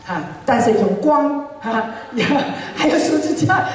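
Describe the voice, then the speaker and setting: A woman preacher telling a personal testimony in a sermon, animated and often laughing as she speaks. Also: high voice, slow. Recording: echoey hall, mic far off.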